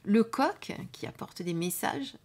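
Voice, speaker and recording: A woman hosting a casual review of an oracle card deck, speaking softly and unhurriedly, often trailing off to near whispers, with frequent fillers. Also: medium pitch, expressive, slow pace. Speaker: card reading channel host. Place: indoors at home under studio lights.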